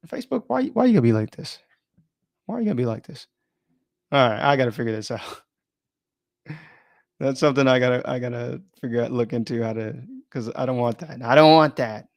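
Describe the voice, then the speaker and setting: On an unplanned live stream, a man chats informally and thinks aloud, often interrupting himself as he rambles. His mid-range voice comes through as clean studio sound with no echo.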